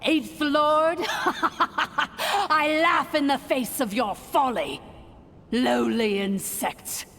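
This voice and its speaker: An actress playing a haughty, cruel ancient dragon sovereign in a fantasy video game, speaking with imperious, grandiose contempt. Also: female voice, extremely slow, a bit bright, exaggerated voice. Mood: scornful, imperious. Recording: long cavernous reverb, rumbling noise behind.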